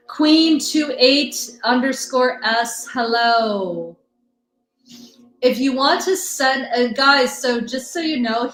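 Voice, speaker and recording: A chatty livestream host and energy reader from the US Midwest rambles and greets her viewers in a casual live-stream chat. Her voice is fairly high with a fairly bright tone. She's in a room at home in Texas, and the echoey space carries faint music.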